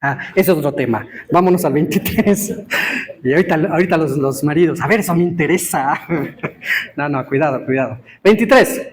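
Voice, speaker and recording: With a fairly high-pitched voice, a man teaches Torah interactively to a live congregation, slowly stressing words and quizzing those listening.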